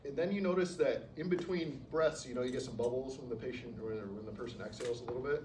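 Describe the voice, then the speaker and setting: A man's voice: mid-range voice, fast. A male instructor giving a casual classroom lecture, often checking in with "okay?" and acting out patients. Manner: casual, peppers sentences with "okay?", acts out patients. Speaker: respiratory therapy instructor. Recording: roomy, distant classroom recording with noise.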